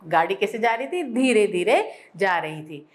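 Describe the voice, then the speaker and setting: A woman teacher giving a school lesson, explaining slowly and answering her own questions. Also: mid-range voice, expressive. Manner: repeats words for emphasis. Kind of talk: classroom Hindi lesson.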